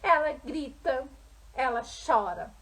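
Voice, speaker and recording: A Brazilian woman with a high, bright-sitting voice teaches about relationships. She talks expressively and keeps asking her listeners rhetorical questions as she explains. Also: animated, slow, low-quality recording. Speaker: couples therapist. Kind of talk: explanatory talk to camera.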